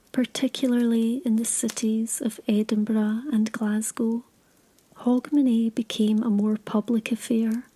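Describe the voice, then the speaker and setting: Whispering woman, slow sleep story narrator. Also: on the high side, low-quality recording. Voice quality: breathy, whispery. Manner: hushed, soothing, unhurried sleep story narrator.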